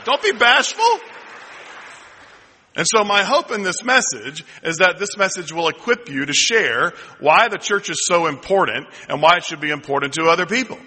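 A man's voice: high voice, pushed and bright. A man, a senior pastor, preaching a sermon in a conversational, humorous way and prompting his congregation. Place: church sanctuary. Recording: long reverb of a church hall.

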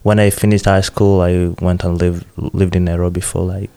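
A man's voice: low voice, level tone, moderate pace, mellow. A man in his twenties with a Kenyan accent, chatting casually as a podcast guest and telling stories informally. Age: 20s. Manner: informal storytelling with repeated "like". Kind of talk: casual chat.

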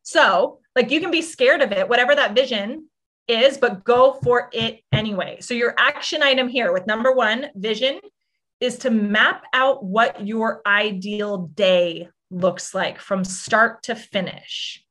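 A woman's voice: on the high side, measured pace, fairly bright tone. A woman business and mindset coach giving a casual motivational talk, chatty and effusive, full of "like" and swearing.

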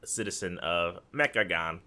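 A man putting on a stiff robot voice, playing a robotic citizen who beeps and talks deadpan. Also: sits low, moderate pace, pitched below the performer's own voice. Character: flat robotic male city citizen. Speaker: podcast co-host. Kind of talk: casual gaming podcast banter.

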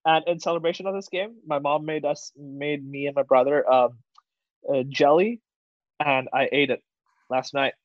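A man's voice: a little high, fairly even intonation, normal speed, no room sound. A teenage boy co-hosting a casual podcast, playful and rambling, full of "like" and restarts. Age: teens. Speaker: podcast co-host. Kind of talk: casual chat. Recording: dry, dull lo-fi sound.

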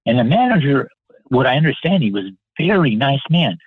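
Podcast guest, 60s male, husky and earnest, telling stories over a thin, dry phone-like line. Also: medium pitch, sing-song, fairly quick, no echo. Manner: earnest, polite, repeats words as he restarts sentences. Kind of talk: casual anecdotal storytelling.

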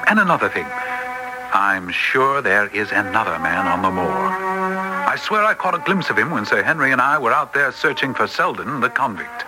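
An actor playing a loyal, worried gentleman doctor in a radio drama, proper and earnest. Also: medium pitch, very animated, moderate pace, over loud music, close to an everyday voice, poor audio. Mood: puzzled, confiding. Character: loyal, worried English doctor, detective's companion.

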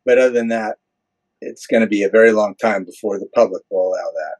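An older American man, an airline pilot, is interviewed and explains things in a conversational, matter-of-fact way. His voice is fairly low, fast, and a little mellow, and the recording is rough.

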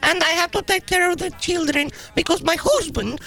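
A man doing a shrill complaining model wife. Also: normal speed, creaky, sharp tone, exaggerated voice. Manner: complaining, broken grammar, mock-serious. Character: high-voiced woman, a famous model's impression, angry wife.

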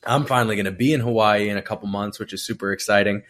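A man's voice: fairly low pitch, steady tone, very fast, fairly bright tone. A man hosting a podcast in casual chat, speaking with a slight lisp from new teeth aligners and often rambling and restarting his sentences. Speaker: podcast host.

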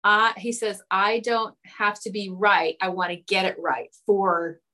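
A woman's voice: medium pitch, steady tone, pushed and bright. Chatty New woman guest. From New Jersey. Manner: chatty, quick to agree, self-correcting. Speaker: podcast guest, hair educator. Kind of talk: casual podcast chat.

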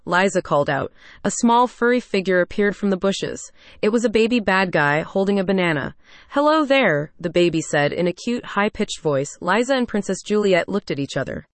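A woman narrating a scripted children's story in a steady storybook reading. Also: mid-range voice, dry recording.

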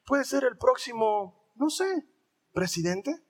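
A male pastor, preaching a sermon in an animated, humorous way, acting out little scenes. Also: extremely high pitch, takes it slowly, husky.

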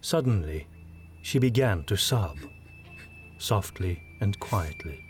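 A man reading a fantasy audiobook in a measured storytelling manner. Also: low-pitched, expressive, slight background noise. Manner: measured storytelling, doing all the voices. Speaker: narrator. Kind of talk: scripted audiobook narration.

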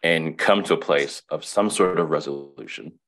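A man's voice: extremely low pitch, normal speed, fairly bright tone. A man talking as a counselor in a casual webinar conversation, thoughtful and full of restarts. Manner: reflective, many restarts and repetitions. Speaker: counselor and guest.

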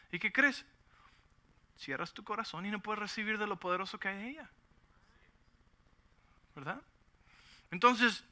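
Pastor, middle-aged man, high bright tone, conversational sermon with frequent check-ins. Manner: conversational, asks for agreement often.

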